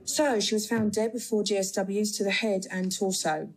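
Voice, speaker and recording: Actress as curt police boss. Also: female voice, mid-range voice, steady tone, normal speed, slight background noise, natural voice, low-quality recording. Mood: commanding, businesslike. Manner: curt, questioning, authoritative. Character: sceptical, commanding female police boss. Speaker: senior police detective. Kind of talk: TV crime drama dialogue.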